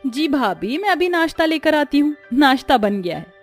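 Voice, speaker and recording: A woman voicing a sweet young daughter of the house in a cartoon tale, gentle and eager to help. Her voice is light and high, with soft music behind. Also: big pitch swings, moderate pace. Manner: gentle, obliging. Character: sweet dutiful young sister-in-law. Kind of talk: cartoon story voice acting.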